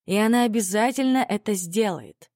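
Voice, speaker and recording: A woman reading a fantasy novel aloud as an audiobook narrator, in measured storytelling on a close mic. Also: mid-range voice, a little mellow, dry recording. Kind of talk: scripted narration.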